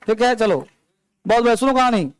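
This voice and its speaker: A man's voice: very high-pitched, fairly quick, clean tone, dry recording. A man teaching an English class, explaining grammar and calling out instructions to his students. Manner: instructive, calls on students and drills them.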